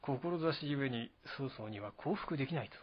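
A man voicing a wary young male officer, speaking quietly and low with restraint. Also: expressive, normal speed, breathy edge, dull audio. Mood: guarded.

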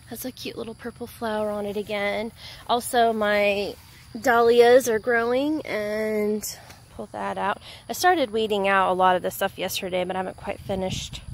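A young woman with a Texan accent, chatting casually as she films a walk through her backyard garden on a handheld phone. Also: medium pitch. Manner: chatty, easily excited, trails off mid-sentence. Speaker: home gardener giving a garden tour. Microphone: handheld phone camera, filming while walking.

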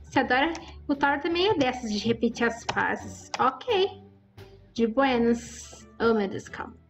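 A woman's voice: fairly high pitch, lively intonation, measured pace, faint music behind. Chatty woman narrating her gameplay. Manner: chatty, exclaiming, talks to her viewers as "raposas". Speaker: gaming YouTuber. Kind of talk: live Roblox gameplay commentary.

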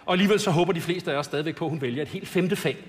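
On a TV studio stage before a loud audience, a man with a fairly high voice hosts a comedy roast, introducing speakers and firing off mocking jokes with punchline delivery. The recording has long hall reverb and background noise.

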